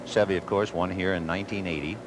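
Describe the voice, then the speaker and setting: A man with a low, steady voice talks fairly quickly, giving live golf commentary laced with wry, wisecracking asides. It's a noisy 1980s outdoor broadcast, with the gallery crowd and outdoor ambience audible behind him.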